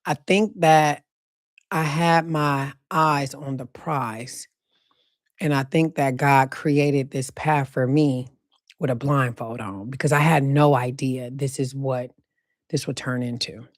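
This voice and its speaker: A woman hosting her own podcast, talking casually and loosely about faith, slowing down to repeat her key points with emphasis. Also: very deep voice, steady tone, no echo, studio quality. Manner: slow emphatic repetition of key phrases, casual and profane. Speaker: podcast host. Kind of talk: casual faith-themed monologue.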